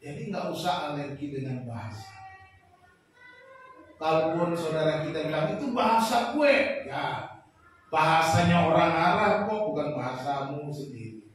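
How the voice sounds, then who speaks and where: Male pastor, high voice, lively sermon, roomy hall sound from far off. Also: moderate pace. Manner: animated, shouting peaks, acts out quotes. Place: large church hall. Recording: echoey hall from far off, faint noise.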